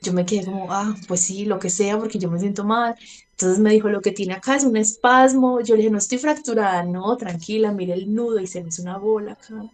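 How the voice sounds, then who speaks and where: A woman's voice: medium pitch, fairly even intonation, fairly quick, slight background noise. A Colombian woman in her thirties speaking openly in an interview, often laughing lightly and acting out what she said at the time. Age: 30s. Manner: candid, laughs between sentences, acts out her own past words. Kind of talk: personal testimony in conversation.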